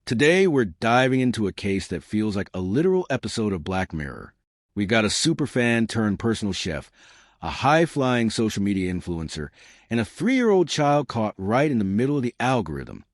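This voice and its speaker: A man's voice: fairly low pitch, big pitch swings, moderate pace, no room sound, studio quality. A man narrating a scripted commentary with dramatic rhetorical questions.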